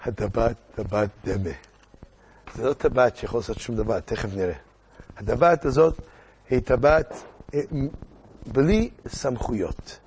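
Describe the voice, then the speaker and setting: A man teaching a lively lesson, theatrical and animated, firing questions at his listeners. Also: medium pitch, a little hiss or hum.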